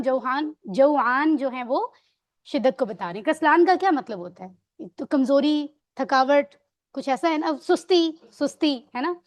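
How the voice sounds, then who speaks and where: High-voiced woman teaching grammar. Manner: patient quizzing, drills words with students; mixes English words into explanations. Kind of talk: online Arabic grammar lesson.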